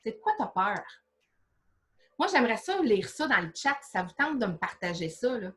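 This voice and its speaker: A woman's voice: on the high side, very animated, moderate pace, fairly bright tone. A woman with a Québécois French accent runs a motivational live session for an online audience. She speaks in a familiar, chatty manner, peppering listeners with direct rhetorical questions and coaxing them along. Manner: familiar, chatty address with many fillers like "là". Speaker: business coach.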